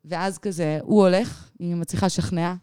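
A woman in her thirties, a podcast guest, telling a personal story in an animated, rambling way full of fillers. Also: on the low side, clear, resonant tone, no echo, clean studio sound. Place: podcast studio.

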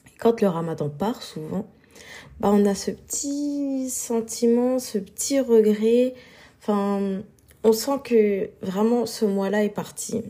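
A woman with a sore, husky throat, talking informally and thinking aloud as she hosts a relaxed, unscripted solo podcast. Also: fairly high pitch, takes it slowly. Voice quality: husky, soft-edged. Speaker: podcast host.

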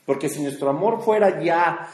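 Echoey preacher, conversational sermon. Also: male voice, fairly high pitch, moderate pace, darkish tone. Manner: conversational, with fillers and emphatic rises. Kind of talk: sermon teaching. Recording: echoey room.

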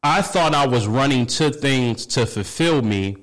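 A man's voice: mid-range voice, lively intonation, a little slow, a bit bright, rough recording. A man who stutters, giving a personal motivational talk, repeating words and restarting phrases with a constant "you know what I mean".

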